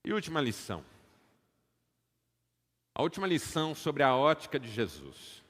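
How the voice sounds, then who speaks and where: A man's voice: fairly high pitch, wildly swooping pitch, moderate pace. A man with a Brazilian Portuguese accent preaching a sermon as pastor, telling stories dramatically and calling on the congregation to respond. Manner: dramatic storytelling, rising to loud emphatic peaks; calls for audience responses. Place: church auditorium. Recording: long hall reverb.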